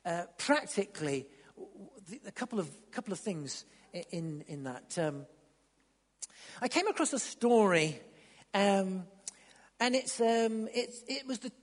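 A man preaching a sermon, stumbling over and repeating words, then building to excited emphasis. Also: sits high, normal speed. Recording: long hall reverb.

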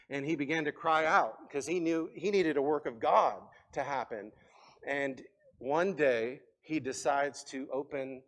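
A man, a pastor, preaching a sermon and telling a story with impassioned rises and quiet drops. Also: medium pitch. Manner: impassioned storytelling, rising and falling emphasis.

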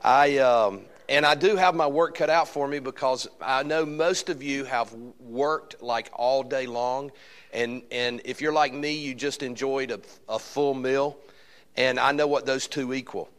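A man's voice: medium pitch, measured pace, fairly bright tone. A man with an Alabama accent addressing a church congregation as a guest speaker, folksy, often repeating and restarting his words. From Alabama, United States. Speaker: guest pastor and church fundraising consultant.

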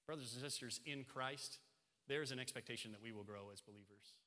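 Male preacher, forties, bright edge to his voice, pounds home repeated phrases, long church reverb. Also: medium pitch, a little fast. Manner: emphatic, repeating phrases for stress. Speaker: pastor. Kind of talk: sermon. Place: church sanctuary.

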